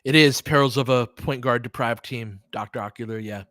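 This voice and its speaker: Calling a basketball game live, this man talks a little fast in a mid-pitched, slightly bright voice. He mixes casual analysis with chat responses, thinking aloud along the way. There's no echo, and the sound is studio quality.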